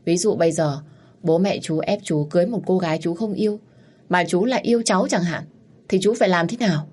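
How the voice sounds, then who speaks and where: A woman's voice: fairly low pitch, a little fast, a little mellow, close to an everyday voice. A woman voicing a stubborn, sulky seventeen-year-old girl in an audio story. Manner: pleading, sulky.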